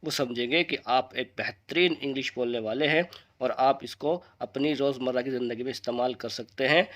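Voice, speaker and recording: A man teaching pronunciation to students, asking them quiz questions and slowing down to give each correct word. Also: fairly bright tone. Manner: slows and drops low on each correct word. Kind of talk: scripted lesson with quiz questions to viewers.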